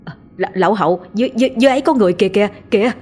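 A woman's voice: mid-range voice, rapid-fire, a little mellow, soft background music, close to an everyday voice. A woman voicing a terrified young man who stammers in panic. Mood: panicked.

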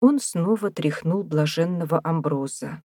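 A woman narrating a novel as an audiobook in a measured, even reading. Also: sits low, dry recording, clean studio sound. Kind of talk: scripted literary narration.

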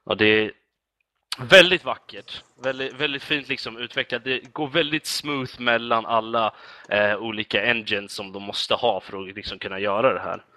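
Bright rambling male podcast guest. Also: mid-range voice, no echo. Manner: rambling, many fillers and restarts. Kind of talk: casual chat.

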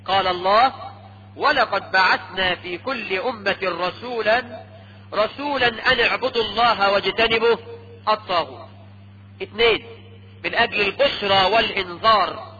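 Lively high-voiced Egyptian preacher. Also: male voice, normal speed, pauses often. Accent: Egyptian Arabic. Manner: lively, teasing, asks the audience "ha?". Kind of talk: lecture sermon. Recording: dull lo-fi lecture tape with faint hum.

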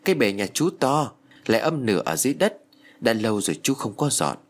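A man's voice: mid-range voice, very animated, quick pace. A man doing a matter-of-fact neighbor. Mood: explaining. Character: calm, knowing middle-aged man, the neighbor.

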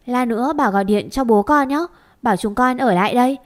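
A woman's voice: on the high side, brisk, natural voice. A woman voicing a cheeky teasing younger sister.

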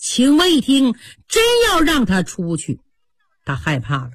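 A woman radio storyteller, narrating with dramatic flair. Her voice is fairly high and swings widely, with a touch of huskiness, recorded close and dry. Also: wildly swooping pitch, a little slow, slightly rough, no echo.

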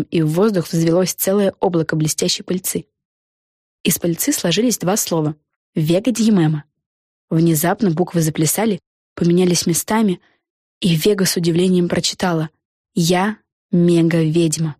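A woman reading a children's storybook aloud in an expressive, measured manner. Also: fairly low pitch, slightly rough, no echo, studio quality. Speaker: audiobook narrator. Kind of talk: storybook narration.

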